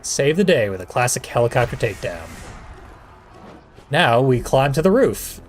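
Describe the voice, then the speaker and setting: A man's voice: medium pitch, very animated, normal speed, faint music behind. A man giving casual, dryly sarcastic commentary as the host of a video game playthrough. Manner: dry, sarcastic wisecracking. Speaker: let's play host.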